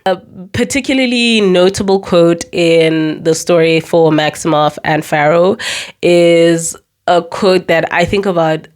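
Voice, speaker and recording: A young woman talking casually about books she has read, chatty and emphatic, with sarcastic asides and words repeated for stress. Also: on the low side. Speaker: book reviewer. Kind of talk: casual book review vlog.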